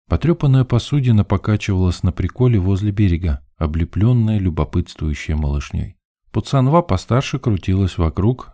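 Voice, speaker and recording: A man's voice: deep voice, warm tone, no echo, studio quality. A man narrating an audiobook in a wry, ironic first-person style.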